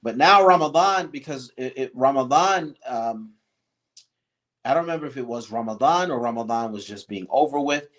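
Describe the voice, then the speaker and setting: A middle-aged man, a guest, telling a long personal story in a casual interview, with frequent restarts and fillers and lively quoted lines. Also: mid-range voice, moderate pace. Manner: rambling, many restarts and fillers, animated when quoting others.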